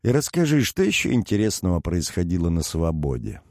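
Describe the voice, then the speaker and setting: A languid aristocrat speaks with weary, stoic irony from his prison cell, as a man reads him in an audiobook. His voice sits low, and the recording is dry and close. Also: sing-song, a little fast, darkish tone, no room sound. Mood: ironic. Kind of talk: audiobook character reading.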